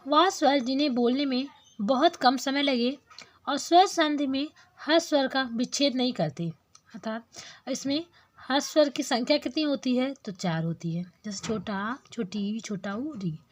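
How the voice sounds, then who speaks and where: A woman's voice: high voice, measured pace. A woman, teaching a grammar lesson patiently, repeating terms and drawing out vowel sounds as examples. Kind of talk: explanatory lesson.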